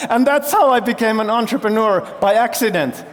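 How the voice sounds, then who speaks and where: A man's voice: sits high, moderate pace. A man from Finland, a CEO giving a keynote talk on a festival stage and telling his story while quizzing the audience with show-of-hands questions. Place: large festival hall stage. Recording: long hall reverb.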